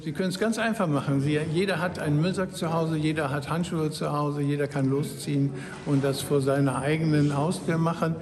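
A man's voice: on the high side, fairly even intonation, fairly quick, a crowd in the background. Hesitant man in a reverberant crowded space. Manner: hesitant, many ums. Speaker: interviewee. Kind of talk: interview statement.

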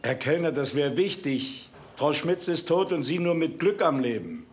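An actor playing a level-headed police detective in a crime drama, dry and matter-of-fact. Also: male voice, fairly high pitch, lively intonation, normal speed, natural voice. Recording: noisy TV soundtrack.

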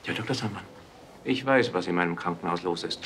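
A man's voice: sits low, fast talker, background noise, close to an everyday voice. An actor playing a pompous, confrontational male hospital professor and father in a naturalistic TV drama. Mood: indignant.

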